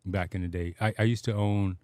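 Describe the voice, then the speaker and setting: A man's voice: deep voice, steady tone, brisk, a little mellow, no room sound. A man co-hosting a podcast, chatting casually in a laid-back, slangy way and often repeating short phrases. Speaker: podcast co-host.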